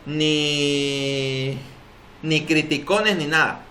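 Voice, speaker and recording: Salvadoran male pastor, emphatic sermon delivery, slightly high voice, faint hiss behind. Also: fairly even intonation, extremely slow, bright, forceful tone. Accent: Salvadoran Spanish. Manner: emphatic preaching with call-and-response. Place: church service.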